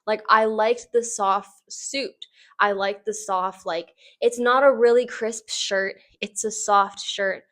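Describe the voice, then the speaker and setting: A woman's voice: mid-range voice, fairly even intonation, slow, fairly bright tone. A woman giving casual, opinionated fashion commentary in an informal, conversational way, peppering her sentences with "like". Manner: informal, conversational, frequent "like" as emphasis.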